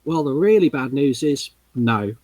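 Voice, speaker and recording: A cheeky male monkey hacker who talks in thick Cockney and rhyming slang, voiced by a man reading aloud. His delivery bounces around lively and a touch husky. He sounds matey and eager to please. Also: medium pitch, unhurried, dry recording. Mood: reluctant. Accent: put-on Cockney. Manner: chummy slangy banter.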